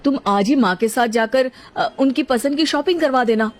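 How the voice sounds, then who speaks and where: A woman's voice: high-pitched, moderate pace, close to an everyday voice. A woman voicing a caring, coaxing young husband and son in a voiced story. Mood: calm.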